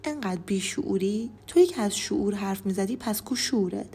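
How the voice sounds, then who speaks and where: A woman's voice: mid-range voice, lively intonation, dark tone, slightly rough. A woman reading as a harsh, domineering young husband. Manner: scornful, commanding. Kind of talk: audio story narration.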